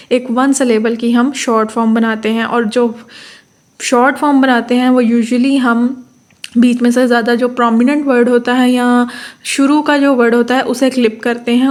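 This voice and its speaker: A woman with a Pakistani accent giving an explanatory lecture, repeating terms, checking with her listeners and reading definitions slowly. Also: fairly high pitch. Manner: reads English definitions slowly. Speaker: teacher.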